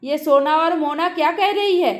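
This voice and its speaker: A woman's voice: sits high, normal speed, natural voice. A woman voicing the puzzled, stern father of the family, in a roomy echo. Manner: questioning, stern.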